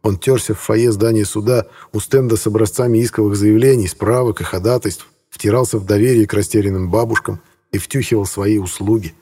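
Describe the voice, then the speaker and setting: A man narrating an audiobook in a measured, even storytelling manner. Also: lowish voice, breathy edge. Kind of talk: scripted narration.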